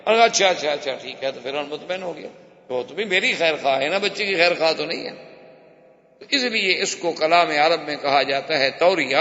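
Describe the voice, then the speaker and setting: A male religious preacher delivers an animated storytelling sermon, his pitch shifting and his emphasis strong. The recording has a dull, lo-fi quality and the echo of a large hall.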